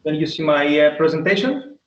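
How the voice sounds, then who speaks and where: A man working as an application engineer gives a halting, polite presentation over a video call. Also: on the high side, animated, a little hiss or hum. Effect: video call audio. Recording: echoey, distant, muffled video call.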